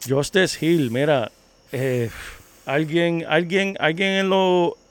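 A man's voice: on the high side, steady tone, takes it slowly, dry recording. Chatty man talking football news. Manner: laughing, chatty, news-reporting. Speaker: podcast co-host. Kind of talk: casual sports talk.

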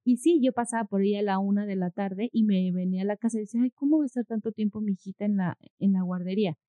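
A woman's voice: mid-range voice, fast, no echo. A woman, a mother telling a story in casual conversation, acting out what people said. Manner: animated storyteller, acts out quotes. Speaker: co-host, mother. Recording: dry, phone-like audio.

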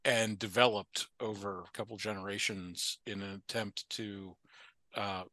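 Low, bright-voiced man musing aloud. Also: fairly even intonation, unhurried, no room sound. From Appalachian United States. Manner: thoughtful, digressive, with frequent restarts. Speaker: podcast guest. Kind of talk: casual conversation.

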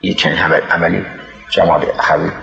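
Gravelly-voiced older man reminiscing slowly. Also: sits low, level tone, dull audio, over music. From Iran. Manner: halting, with restarts and pauses. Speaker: interviewee recalling his time as a city official. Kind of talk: reminiscing interview.

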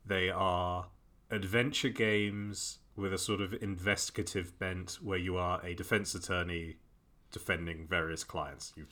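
A man's voice: low voice, fairly even intonation, unhurried, pushed and bright. A man hosting a comedy podcast, with a dry, joking delivery. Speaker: podcast host. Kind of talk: casual podcast chat.

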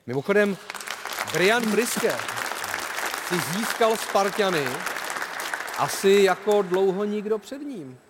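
High-voiced male talk show host. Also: animated, long pauses, crowd noise, noisy background.

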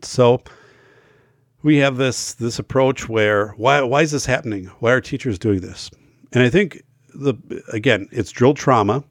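This school safety talk show host, a middle-aged man, addresses the camera casually at a medium pitch and a slightly slow pace. He sounds unwell and is losing his voice, but he pushes his points emphatically through many fillers and restarts. There's no echo, and the audio is studio quality.

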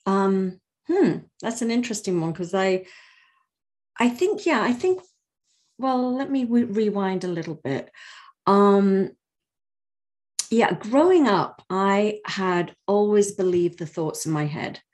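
A woman's voice: mid-range voice, lively intonation, slow pace. Reflective woman in her sixties. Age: 60s. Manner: warm, reflective storytelling with frequent laughter. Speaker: life coach. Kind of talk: conversational interview.

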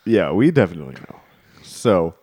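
A man's voice: low-pitched, very animated, normal speed, dark tone, a little hiss or hum. A man hosting a comedy improv game in casual, playful, jokey banter.

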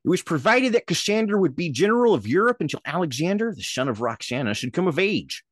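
A young man with a Minnesotan accent, hosting a casual history podcast as a lively storyteller with jokey asides. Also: on the high side, fast talker, no echo, clean studio sound. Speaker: podcast host.

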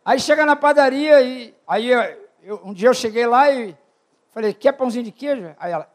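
Older man, very high voice, preacher, shouted peaks, quiet asides, asks the congregation questions. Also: normal speed. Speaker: preacher at a church retreat. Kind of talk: sermon.

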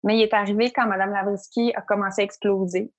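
A woman with a Quebec French accent speaks as an interview guest. She sits at an even, middle pitch and talks about her work in a candid, reflective way, pausing often on "euh" as she thinks. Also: dull audio. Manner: earnest, reflective, with frequent "euh" pauses. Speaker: business owner, interview guest.

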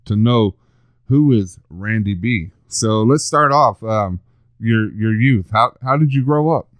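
A man's voice: on the low side, expressive, unhurried, clear, resonant tone, no echo. A man hosting a podcast who chats casually, teases his guest and jokes around. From Texas. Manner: jokey, teasing, chatty. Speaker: podcast host. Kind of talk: casual interview chat.

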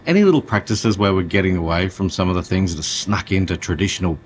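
A man's voice: sits low, expressive, quick pace, a little hiss or hum. A man with an Australian accent hosting a casual podcast interview in an informal, rambling way. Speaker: podcast host.

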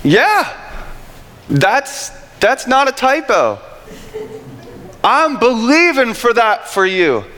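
A pastor preaching a sermon to his church, building to shouted emphasis and repeating his phrases. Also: very high voice, big pitch swings, takes it slowly, pauses often, a little hiss or hum. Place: church sanctuary with congregation. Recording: reverberant church hall, faint ambience.

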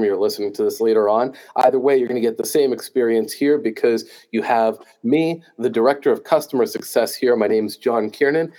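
A man's voice: medium pitch, dark tone. A man with a New Jersey accent hosting a podcast interview, talking casually and chattily, joking about himself. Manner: chatty, self-joking, loose with fillers. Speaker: podcast host.

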